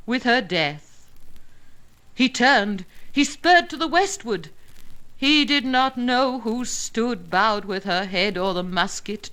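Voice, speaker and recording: A poetry reader with a fairly high-pitched voice gives a narrative poem a dramatic, expressive reading. She keeps a measured pace, pausing deliberately and leaning on key words.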